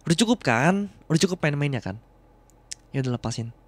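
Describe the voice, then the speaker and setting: This is an ASMR role-play voice: a young student boyfriend, acted by a man, once a rough gang bully and now fiercely protective. His voice sits a little high. He calms his partner by repeating short, coaxing words again and again. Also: a little fast, no room sound. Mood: flustered. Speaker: voice actor.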